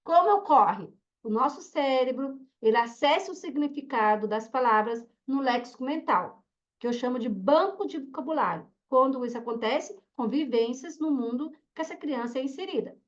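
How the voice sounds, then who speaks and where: A woman's voice: high voice, expressive, moderate pace, dull audio. A woman teacher with a Brazilian Portuguese accent giving an online course lecture, explaining step by step and checking in with her students with short questions. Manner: explanatory, asks the class questions, frequent "tá?" and "né?".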